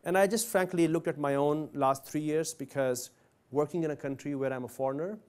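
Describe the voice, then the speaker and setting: His fairly high voice has a darkish tone and moves a little fast as this Pakistani CEO in his forties talks with students. The setting is a university event hall, where he keeps things conversational and asks the audience direct questions.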